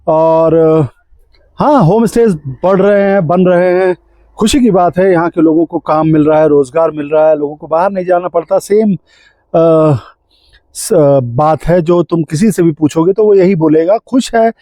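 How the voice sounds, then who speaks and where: A man's voice: a little high, normal speed, dark tone, dry recording, natural voice. A man voicing a friendly, easygoing talking mountain path in a storybook-style tale. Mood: resigned.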